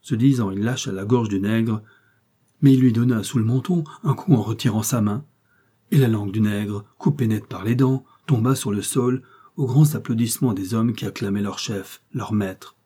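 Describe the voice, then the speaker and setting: A man narrating a novel, measured and dramatic. His voice sits fairly low with a mellow, dark tone and a husky grain. He reads with steady, deliberate pacing. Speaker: audiobook narrator.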